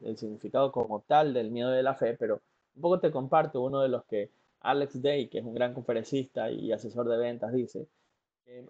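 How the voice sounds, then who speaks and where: Guy coaching, earnest, talks right at you, lots of ums, mellow tone, kinda dull lo-fi audio. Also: medium pitch. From Ecuador. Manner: earnest, speaks directly to the listener, with frequent fillers and restarts. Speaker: life coach. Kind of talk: motivational talk.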